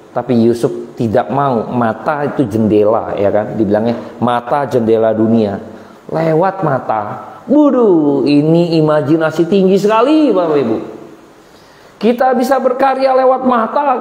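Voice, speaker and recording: A man preaching a sermon, telling lively stories and acting out voices as he teaches. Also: fairly high pitch. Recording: echoey hall.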